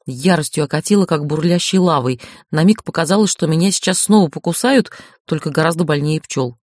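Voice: mid-range voice, a little mellow, no echo, studio quality. An audiobook narrator reading a first-person novel in a wry, emotional inner-monologue manner.

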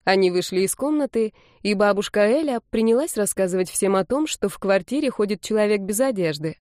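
A woman's voice: medium pitch, lively intonation, brisk, a little mellow, no room sound. Woman reading an audiobook, dry sound. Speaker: narrator. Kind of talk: audiobook narration.

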